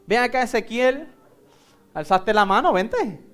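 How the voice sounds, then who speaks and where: High-voiced pastor, slow and smooth. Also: male voice, faint music behind. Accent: Puerto Rican Spanish. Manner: animated storytelling, acting out a Bible scene with volunteers. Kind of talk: sermon.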